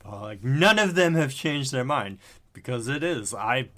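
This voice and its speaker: Bright, forceful and animated, this man's mid-range voice keeps a measured pace. In his thirties, he co-hosts a podcast from a home room, chatting casually, rambling, correcting himself, and swearing once in a while.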